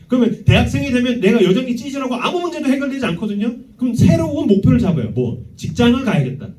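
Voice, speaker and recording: A man's voice: extremely high pitch, slight background noise. A man in his thirties, a youth pastor, preaching a sermon in a church and acting out the voices in his stories. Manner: animated preaching, acts out quoted voices, laughs at own stories. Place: church sanctuary. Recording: echoey room, heard from a distance.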